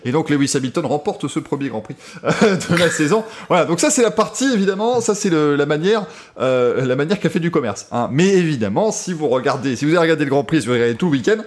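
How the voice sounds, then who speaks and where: A man with a French accent hosting a casual motorsport podcast, animated and laughing often between many fillers. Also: a little high, quick pace. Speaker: podcast host.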